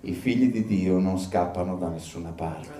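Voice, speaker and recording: A man preaching a sermon as pastor, rising now and then into loud, high bursts of fervor. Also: moderate pace. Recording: echoey room, faint ambience.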